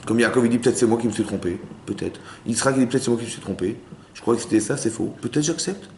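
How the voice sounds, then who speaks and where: Fast-talking rabbi in a roomy hall. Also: male voice, medium pitch, darkish tone. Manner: keeps asking the class if they understood; mixes Hebrew terms into his talk. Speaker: rabbi teaching a women's class. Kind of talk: spoken Torah lesson. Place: lecture room with listeners. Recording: roomy room with faint background noise.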